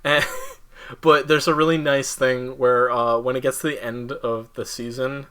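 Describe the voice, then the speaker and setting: Young male co-host, mid pitch, loose rambling chat, quick to laugh. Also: smooth. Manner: rambling, animated, laughs often. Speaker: podcast co-host. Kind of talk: casual chat.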